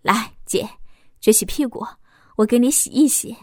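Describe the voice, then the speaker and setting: A woman voicing a young man who is a teasing, devoted lover, speaking in a sly, soft, intimate way. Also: a little high, normal speed, slightly rough, no echo, clean studio sound. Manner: playful, sly, softly intimate.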